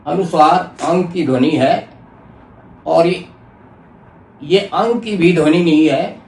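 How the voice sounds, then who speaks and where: A man teaching a Hindi grammar lesson, speaking deliberately and repeating example words to show how they are pronounced. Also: a little high, a little mellow. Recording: echoey room, distant mic, faint noise.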